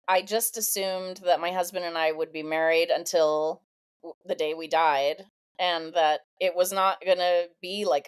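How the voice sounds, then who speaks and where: Low-voiced woman telling her story candidly. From Southern California. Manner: thoughtful, candid, halting with many fillers. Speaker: podcast guest. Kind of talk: reflective personal storytelling.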